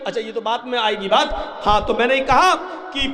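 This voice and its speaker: A male preacher delivers a sermon to a gathering, hammering his points and breaking into shouts. His voice sits very high for a man. It rings through a large hall with a long echo. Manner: emphatic, rising to shouts on key points.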